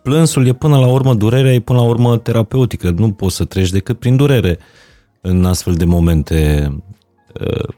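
Male podcast host, very low mellow voice, reflective interviewer with faint music behind. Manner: reflective, searching for words. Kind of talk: interview conversation.

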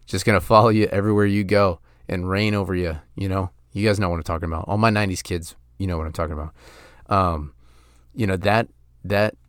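A man's voice: low-pitched, clean tone, no echo, clean studio sound. A man in his thirties hosting a motivational podcast, talking earnestly with many restarts and fillers. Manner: earnest, frequent restarts and "you know" fillers. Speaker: podcast host.

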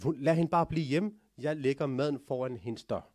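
A man voicing a worried old male hermit who fears gossip, speaking quietly and fretfully. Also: mid-range voice, no room sound, clean studio sound, natural voice.

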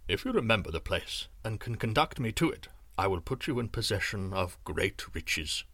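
A man voicing a cunning, persuasive male sorcerer in a hushed, coaxing tone. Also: fairly low pitch, very animated, moderate pace, no room sound, pitched below the performer's own voice. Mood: secretive.

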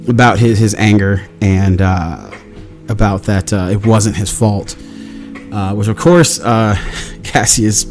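A man's voice: on the low side, darkish tone. Man rambling through a game recap. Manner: meandering storytelling, acts out quotes. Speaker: tabletop game player. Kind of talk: casual campaign recap.

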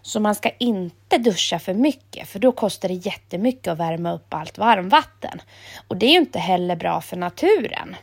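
A woman's voice: fairly low pitch, husky. Woman reading a children's story. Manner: calm, gentle storytelling.

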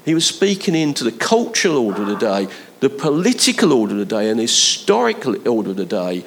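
A man's voice: medium pitch, sing-song, fast, slight background noise. A man preaching a conversational sermon, building to emphatic appeals to his listeners. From London, England.

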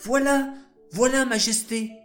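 A man voicing a nervous, spiteful palace guard in a high, whiny voice in a storybook tale. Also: steady tone, unhurried, fairly bright tone, soft background music. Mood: servile.

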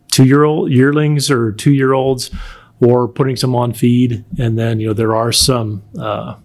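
Man explaining in a measured, hesitant way. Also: mid-range voice, darkish tone. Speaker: bison producer being interviewed. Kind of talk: explanatory interview talk.

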